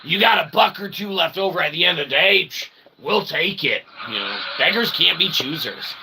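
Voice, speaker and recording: Speaking with lively intonation at a moderate pace, this man, a show host and author with a slightly high voice, gives a rambling farewell to his audience. He plays it theatrical and jokey, leaning on wordy, mock-formal language, while background noise runs underneath.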